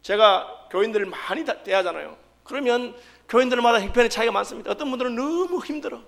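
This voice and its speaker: A male pastor delivers a sermon. He speaks quickly and acts out quoted voices in an animated way. His voice is very high and bright. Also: gravelly.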